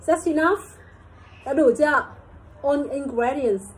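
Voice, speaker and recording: A high-voiced teacher of English and bartending quizzes her class, asking questions and repeating measurements slowly. The lesson mixes Vietnamese and English, and the audio quality is poor.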